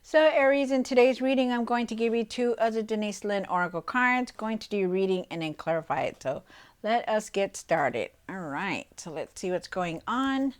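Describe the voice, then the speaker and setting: A woman's voice: mid-range voice, expressive, moderate pace. A woman tarot reader talking casually to her viewers, with lots of fillers and asides. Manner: chatty, many fillers and asides.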